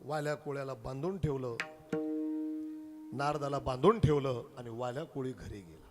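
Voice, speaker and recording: A man with a Marathi accent preaching a devotional kirtan sermon, acting out the story's voices and moving between hushed telling and loud sung cries. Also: mid-range voice, moderate pace, music in the background.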